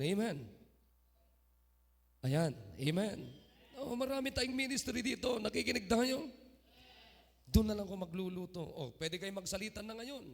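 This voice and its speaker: Man, pastor, sermon, high voice, gravelly, lively, mixes in English phrases, calls out to the congregation by name. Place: church.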